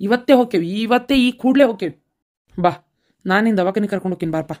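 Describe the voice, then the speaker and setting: A woman voicing a calm family member in a cartoon, speaking with a North Karnataka Kannada accent in a reassuring, matter-of-fact way. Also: medium pitch, racing, natural voice. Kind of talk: cartoon dubbing.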